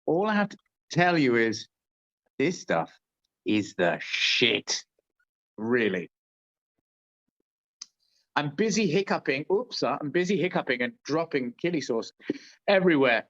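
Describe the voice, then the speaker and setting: Host: rowdy British man, swinging pitch, crude jokes, muffled lo-fi sound. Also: fairly bright tone. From Britain. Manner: boisterous, crude, joking. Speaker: show host. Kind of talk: casual tasting chat.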